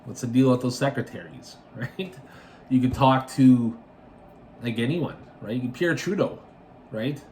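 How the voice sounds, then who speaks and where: A man hosting a casual podcast monologue, rambling and self-correcting, often ending thoughts with a quick tag question. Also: medium pitch, darkish tone, a little hiss or hum. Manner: rambling, self-correcting, tags sentences with "right?". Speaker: podcast host.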